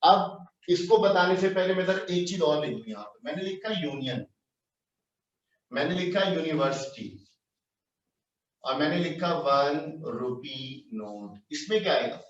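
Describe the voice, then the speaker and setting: A man's voice: on the high side, expressive, measured pace. A man from Pakistan giving an English grammar lesson in a classroom, peppering it with questions to his students. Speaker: English teacher. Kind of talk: classroom lecture, mixing English phrases into Urdu. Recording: dull, roomy, distant online class audio.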